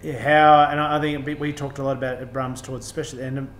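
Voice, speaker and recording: A man's voice: mid-range voice, flat delivery, rapid-fire. Male, thirties, casual interview chat, roomy bar acoustic with slight background noise. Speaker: interviewer and former professional rugby player. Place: indoors in an empty bar. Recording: roomy, echoey sound with faint noise.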